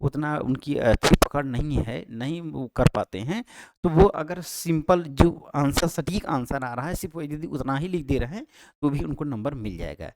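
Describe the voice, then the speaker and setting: A male teacher talking students through exam answers, explaining patiently and repeating key points, with frequent pauses and self-corrections. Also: a little high, expressive, background noise. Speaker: Sanskrit teacher. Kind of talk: exam-prep lesson. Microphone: handheld microphone held close.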